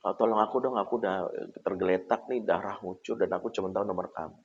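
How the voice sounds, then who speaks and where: A man's voice: low voice, steady tone, quick pace, pitched below the performer's own voice, natural voice. Man doing a faint, pleading young manipulator. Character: manipulative young man feigning being badly hurt. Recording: echoey hall, dull lo-fi sound.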